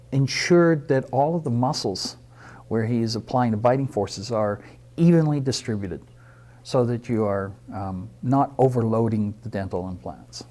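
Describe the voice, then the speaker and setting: A man, a dentist, explaining a clinical procedure in a measured, emphatic way. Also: mid-range voice, warm tone.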